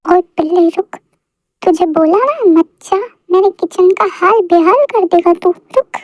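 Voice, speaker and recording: A woman's voice: extremely high pitch, lively intonation, a little slow, a little mellow, no room sound. A woman voicing a bossy, sulky young wife who scolds and teases her husband in a fan audio story. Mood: scolding. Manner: scolding, pouty, dramatic. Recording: dull lo-fi dry recording.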